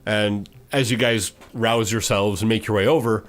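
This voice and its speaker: A man narrating as game master, steady and matter-of-fact, with frequent pauses. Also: on the low side.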